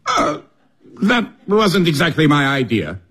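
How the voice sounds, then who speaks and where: An actor playing a sheepish, evasive upper-class husband in a drawing room comedy, with a British accent and a theatrical, hemming manner. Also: male voice, on the high side, wildly swooping pitch, a little slow, a bit bright, husky, heavily acted. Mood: awkward.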